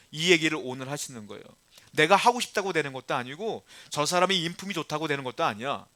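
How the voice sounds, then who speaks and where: A man's voice: fairly high pitch, bright, forceful tone, dry recording. A male pastor preaching a sermon with emphatic rhetorical questions to the congregation, shifting between polite address and blunt plain talk.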